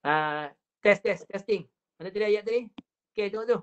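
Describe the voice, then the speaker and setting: A man with a Malaysian Malay accent teaching an online Quran recitation class, patiently repeating drills and drawing words out slowly to demonstrate. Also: high voice, smooth, dull audio.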